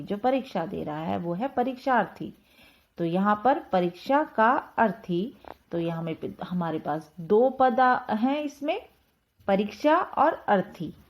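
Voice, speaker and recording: A woman's voice: medium pitch, dull audio. A woman teaching a Hindi grammar lesson, explaining step by step and repeating key terms.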